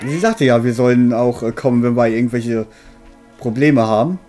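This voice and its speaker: A man gives casual game commentary in a mellow, relaxed voice. His manner is dry and mildly grumbling. Game music plays behind him. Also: mid-range voice, moderate pace. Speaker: let's player.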